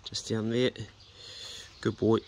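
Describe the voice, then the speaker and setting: Casually explaining homestead work outdoors, on his rural property and in the bush, a middle-aged New Zealand homesteading vlogger keeps a relaxed, practical tone and coaxes his dog with "good boy" and "mate." His pitch is fairly low and his speech slow. The body-worn action camera adds a little hiss or hum.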